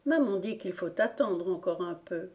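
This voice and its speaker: A woman's voice: lowish voice, lively intonation, moderate pace, dark tone. A woman voicing a sensible little girl who speaks in a matter-of-fact way. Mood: calm.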